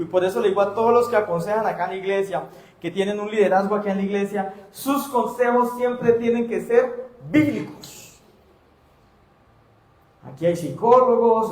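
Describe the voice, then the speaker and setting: A man preaching a sermon as pastor in a church, speaking in a lively way and acting out his congregants' voices. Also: high voice, reverberant.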